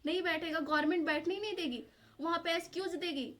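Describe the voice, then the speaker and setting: A woman's voice: very high-pitched, fast, a bit bright. A woman from Jharkhand, India, talking earnestly to the camera in a casual vlog, pleading with many fillers. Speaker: vlogger.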